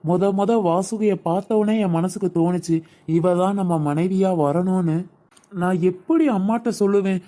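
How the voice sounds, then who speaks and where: A woman voicing a gentle, lovesick young man musing to himself in a cartoon. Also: medium pitch, close to an everyday voice. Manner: soft, brooding inner monologue. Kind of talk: cartoon comedy voice acting.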